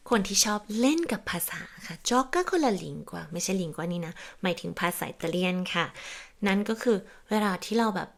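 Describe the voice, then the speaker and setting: A woman teacher with a light vocal fry, speaking in a gentle and encouraging way. Her first language is Thai, and she keeps slipping into slow, careful Italian phrases for her learners. She adds soft confirming particles as she goes. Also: fairly low pitch, lively intonation. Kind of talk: casual language lesson.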